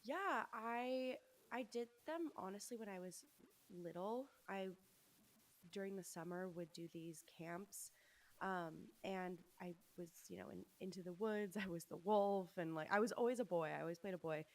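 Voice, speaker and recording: A woman's voice: mid-range voice, normal speed. A young woman from Los Angeles, a musician guest chatting casually in an interview, with many fillers and restarts. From Los Angeles, USA.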